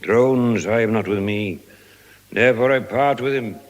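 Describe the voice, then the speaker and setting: Slow, low-voiced old Shylock played by an actor. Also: male voice, lightly acted. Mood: contemptuous. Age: older. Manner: declamatory, deliberate, grumbling. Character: suspicious, miserly old moneylender and stern father. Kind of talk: classical Shakespearean stage acting. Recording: long reverberant hall studio drama.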